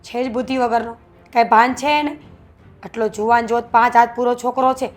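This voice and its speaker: A woman's voice: on the high side, fairly even intonation, brisk, lightly acted. A woman playing a weary, bitter young wife. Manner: subdued, bitter complaining. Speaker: married daughter staying at her mother's home. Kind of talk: short film acting. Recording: faint background music. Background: faint music.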